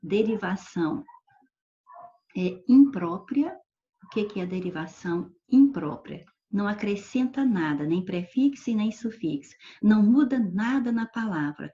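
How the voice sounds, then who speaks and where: A woman teacher with a Brazilian Portuguese accent explaining grammar in a recorded lesson, often checking understanding with quick tag questions. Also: medium pitch, animated, warm tone, lo-fi sound.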